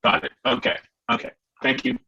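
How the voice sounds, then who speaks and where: Man on a choppy, breaking-up call. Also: bright, forceful tone. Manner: halting, searching for words. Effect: choppy breaking-up call audio. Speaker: commissioner. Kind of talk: public meeting questions. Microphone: video call. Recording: dull lo-fi video call line.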